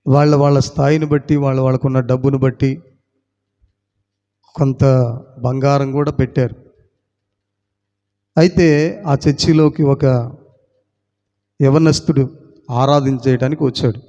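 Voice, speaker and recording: A man's voice: medium pitch, fairly even intonation, measured pace, long pauses, warm tone. A male pastor, preaching a sermon that tells a story and builds to fervent prayer. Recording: long hall reverb, dull lo-fi sound.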